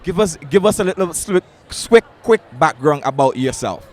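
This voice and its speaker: A man's voice: a little high, animated, moderate pace. A man interviewing guests on a red carpet, restarting and repeating his questions. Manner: stumbling, repeating himself. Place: outdoor red carpet event.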